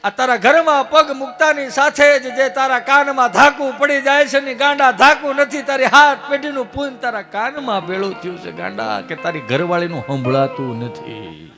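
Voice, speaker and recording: A man's voice: extremely high pitch, normal speed, few pauses, bright, forceful tone, soft background music. A man from telling comic stories on a live stage, acting out the characters' dialogue in shifting voices. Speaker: stand-up comedian. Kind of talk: Gujarati folk comedy storytelling. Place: live stage at a religious gathering.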